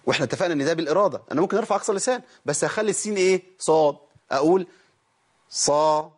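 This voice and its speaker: An Egyptian Arabic-accented man leads a broadcast recitation lesson, worn out but talking quickly. His voice is husky and sits a little high, and he breaks his explanations down step by step, demonstrating sounds and quizzing his listeners. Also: lively intonation. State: tired. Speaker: Quran recitation teacher. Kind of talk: televised tajweed lesson.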